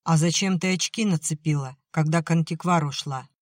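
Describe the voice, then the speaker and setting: A woman's voice: deep voice, fairly quick, no echo, clean studio sound, close to an everyday voice. Woman voicing a furious scolding uncle. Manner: shouting, scolding. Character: furious, stern middle-aged uncle.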